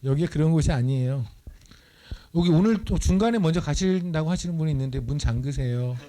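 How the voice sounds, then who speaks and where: A man's voice: on the high side, animated, fairly quick, dark tone. Man preaching, playful and teasing. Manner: playful, teasing the audience, acts out voices. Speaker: missionary preacher. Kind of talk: lively Bible study sermon. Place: church.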